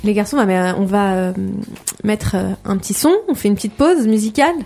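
A woman hosting a radio talk show, interviewing guests in a halting way with many fillers. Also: medium pitch, expressive, mellow, faint music behind.

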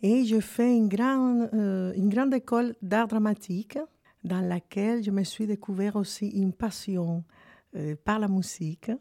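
A woman from Cuba, a singer and actress giving a radio interview and speaking hesitantly with many filler pauses. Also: medium pitch, steady tone, creaky, warm tone.

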